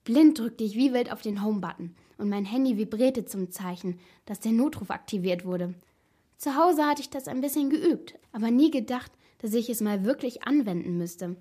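A woman narrating a first-person storybook in a steady, tense manner. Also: fairly high pitch, normal speed, breathy edge.

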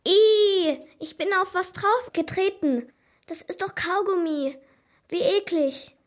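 An excitable young schoolboy chimes in with eager, high-pitched lines, as a woman puts him on. It is a lively storybook voice for a children's detective tale. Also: slow pace. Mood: disgusted.

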